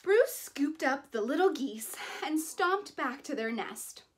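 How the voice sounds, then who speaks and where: A woman in her thirties reading a children's picture book aloud in an animated, deliberate way with dramatic emphasis. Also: high-pitched. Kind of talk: expressive children's story reading.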